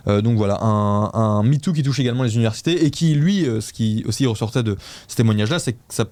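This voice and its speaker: A man's voice: mid-range voice, quick pace, darkish tone, no echo. A man hosting a weekly news show, recapping the news casually and running a quiz, hesitant and self-mocking with frequent restarts.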